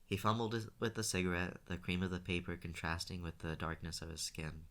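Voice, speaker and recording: A man reading a novel aloud as an audiobook, in a steady voice with small restarts. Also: deep voice, a little fast. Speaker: audiobook reader.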